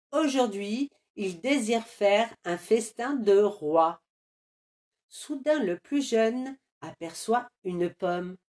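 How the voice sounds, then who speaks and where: A woman narrating an animated children's series in a gentle, measured storytelling manner. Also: mid-range voice.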